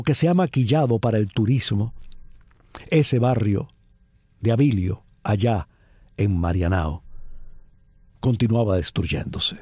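A man explaining a literary text to an audience. He talks to his listeners directly, asks rhetorical questions and answers them, and slows down to stress key phrases. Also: medium pitch, darkish tone, breathy edge, no echo. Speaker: literary commentator.

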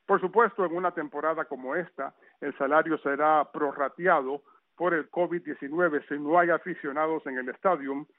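A man's voice: on the high side, fairly even intonation, normal speed, no room sound. A man reading a radio sports news roundup in a conversational way, with chatty asides. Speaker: sports reporter. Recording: tinny phone-line sound.

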